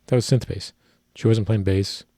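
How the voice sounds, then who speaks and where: Speaking at an ordinary speed with a lowish voice and fairly even intonation, this man reacts to a music video as a working musician. His casual analysis of the song wanders into technical detail, and he keeps revising what he says as he thinks it through.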